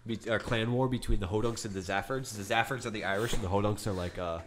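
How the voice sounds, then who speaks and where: A man's voice: lowish voice, fairly even intonation, quick pace, slight background noise. A young man co-hosting a casual chat, rambling with many fillers and restarts. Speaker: podcast co-host.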